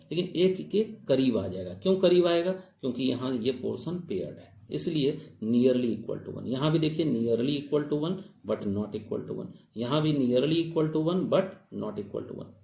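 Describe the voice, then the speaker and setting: A man's voice: on the high side, vocal fry, dark tone, echoey room. A man giving an exam-prep biology lecture. He mixes Hindi with English technical terms and keeps asking his students questions, calling them "babu". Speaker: biology teacher.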